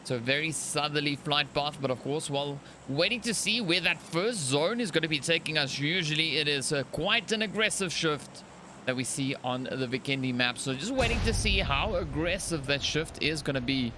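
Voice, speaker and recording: Over background noise, an expressive, fairly high-pitched man from Africa casts a mobile battle royale tournament on his own live stream at normal speed. His chatter rambles, packed with fillers, and he laughs whenever he slips up.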